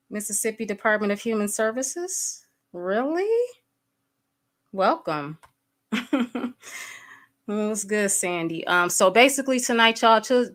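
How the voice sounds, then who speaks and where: Greeting her viewers by name and addressing them head-on, a woman in her thirties runs a casual livestream in a slightly bright, medium-pitched voice. She comes across blunt, worked up, and profane, with lots of filler words.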